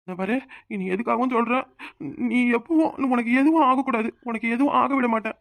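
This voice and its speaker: A woman voicing an emotional young village husband in a cartoon, with a Tirunelveli Tamil accent, pleading and quick to flare up. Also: fairly high pitch, gravelly, no room sound. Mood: earnest. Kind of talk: cartoon voice acting.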